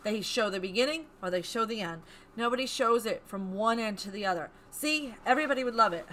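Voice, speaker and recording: A woman co-hosting a homesteading live stream, chatting casually and excitedly, laughing often and repeating herself for emphasis. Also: a little high, a little fast, slight background noise. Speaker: homesteading channel co-host.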